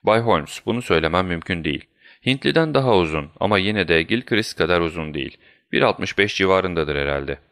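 A man voicing an anxious, fussy older male college tutor who pleads and frets, speaking a little above his own low voice. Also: lively intonation, fairly quick, a bit bright, dry recording, clean studio sound. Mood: agitated. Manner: flustered, pleading.

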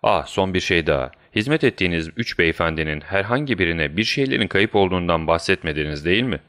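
A man voicing a shrewd, composed male detective who speaks in a measured, commanding way, in a deep voice. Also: expressive, a bit bright.

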